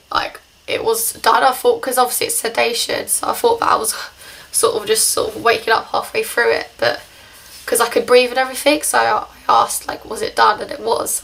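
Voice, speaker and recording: A woman's voice: a little high, vocal fry, fairly bright tone, poor audio. A young woman talking hesitantly in a casual video diary, short of breath and congested just after nose surgery. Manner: hesitant, rambling.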